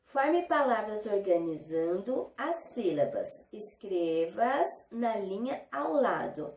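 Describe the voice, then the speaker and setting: A woman's voice: medium pitch, very animated, a little mellow, reverberant. A woman teaching a lesson to young children in Brazilian Portuguese, patiently stretching out syllables and checking in with short questions. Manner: slow, drawn-out syllables when modelling words. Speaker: primary school teacher.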